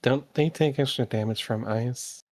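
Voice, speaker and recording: A man's voice: mid-range voice, moderate pace, a little mellow. A man chatting casually as he plays a tabletop roleplaying game.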